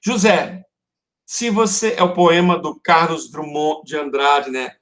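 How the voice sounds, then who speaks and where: A Brazilian-accented man teaching an online lesson at an unhurried pace, with a fairly high voice for a man. He explains each point patiently and speaks affectionately to his students, like a caring teacher walking them through the material. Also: animated, a bit bright. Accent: Brazilian Portuguese. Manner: affectionate, calls students "love" and "folks". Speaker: Portuguese teacher. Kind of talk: online class lecture.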